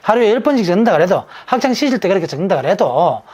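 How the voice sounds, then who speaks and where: A man's voice: sits high, big pitch swings, racing, darkish tone, breathy edge. A man, a monk who gives naming advice, explains his ideas in an interview and often answers his own rhetorical questions. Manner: lecturing, asks rhetorical questions and answers them himself; drops into a casual, emphatic sentence ending.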